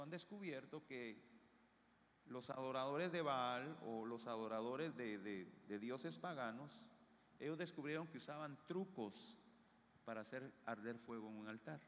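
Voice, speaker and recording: A male pastor preaching a sermon in a church, swinging between hushed asides and raised, emphatic declarations. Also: mid-range voice, a little hiss or hum. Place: church sanctuary. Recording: long church reverb.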